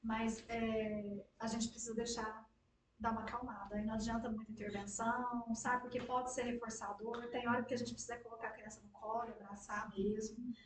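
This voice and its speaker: A woman's voice: a little high, level tone, fairly quick, distant mic, a little hiss or hum. A Brazilian Portuguese-speaking woman teaching a class, direct and reassuring, with frequent tag questions. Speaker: instructor. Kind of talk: class discussion. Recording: echoey room, away from the mic.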